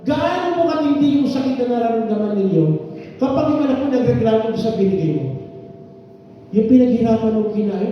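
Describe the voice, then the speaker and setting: A man preaching a sermon with emphatic swings between loud and soft. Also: high-pitched, slight background noise. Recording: echoey hall from far off, muffled.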